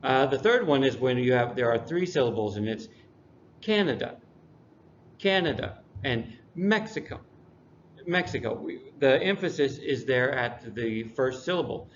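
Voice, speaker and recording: In a middle-pitched voice, a male English teacher goes over a lesson review at a relaxed, unhurried pace, adding dry classroom humor. The audio is dull and lo-fi, with a faint hiss in the background.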